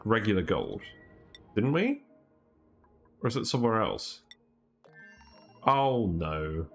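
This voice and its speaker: Man, deeper voice, casual gaming stream talk, thinks aloud, faint music behind. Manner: rambling, thinks aloud with fillers and small laughs. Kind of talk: casual gameplay commentary.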